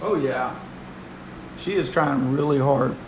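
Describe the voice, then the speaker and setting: Slow-paced man over a loud steady hum. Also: mid-range voice. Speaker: weather live streamer. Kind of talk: casual live weather commentary.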